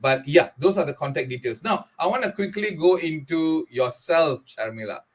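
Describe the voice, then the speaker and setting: A man's voice: a little high, lively intonation. Hesitant Malaysian-accented male host. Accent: Malaysian English. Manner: hesitant, many drawn-out "uh" fillers. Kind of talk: live online talk show interview.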